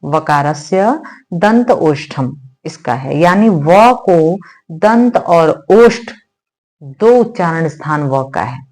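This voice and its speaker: Hindi-speaking woman teaching sounds slowly. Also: low voice, expressive, a little mellow. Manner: explains slowly, repeating sounds for students to say; addresses viewers as "beta", asks "hai na?". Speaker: Sanskrit grammar teacher. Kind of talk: spoken online lesson.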